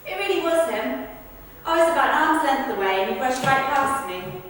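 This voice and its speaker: In an echoey hall, far from the microphone and with faint noise, a woman rehearses verbatim witness stories for performance. Her high-pitched, expressive, slightly bright voice moves at a normal speed, conversational but projected.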